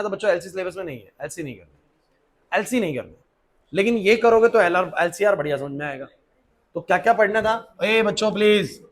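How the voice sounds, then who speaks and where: A man teaching physics to a class, firing quick questions at the students and answering them himself, with English terms mixed into his talk. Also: sits high, sharp tone. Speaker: physics tutor. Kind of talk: classroom lecture.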